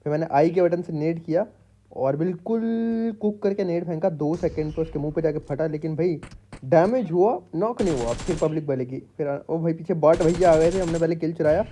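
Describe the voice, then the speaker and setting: A man's voice: a little high, a little fast, warm tone, slight background noise. A man doing a casual, jokey gameplay voice-over for his channel at home, talking straight to his viewers. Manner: chatty, jokey, addresses viewers as public. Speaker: gaming YouTuber. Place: home room with pet parrots.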